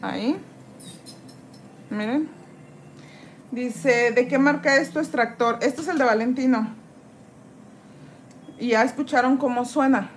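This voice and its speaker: A woman's voice: on the high side, takes it slowly, pauses often, noisy background. A woman from Mexico doing casual live-stream chat as she files acrylic off her own nails, reading viewer comments aloud and greeting each one by name. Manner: chatty, reads viewer comments aloud and greets them while working. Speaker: nail tech streamer. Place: indoors at a nail desk.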